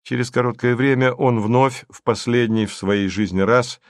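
A man's voice: mid-range voice, fairly even intonation, normal speed, dry recording, studio quality. A man narrating an audiobook in a wry, mock-solemn storytelling manner. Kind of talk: scripted narration.

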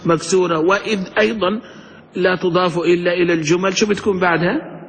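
Male grammar teacher, high voice, drills the class with questions, lecture recorded in a reverberant hall. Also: fairly even intonation, fast. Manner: quizzes students with questions, then answers them himself.

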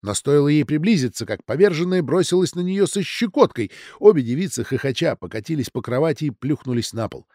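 Man narrating an audiobook, lively swooping pitch, dry close recording, expressive reading. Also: fairly quick, hardly any pauses, no room sound. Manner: expressive, voices the girls' lines in a raised pitch. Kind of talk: scripted narration.

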